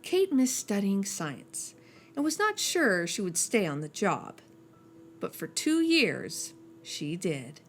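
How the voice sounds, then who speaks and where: Reading a children's picture book aloud, a woman storyteller swings widely in pitch, slowing down and going soft and low on each refrain. Soft music plays in the background.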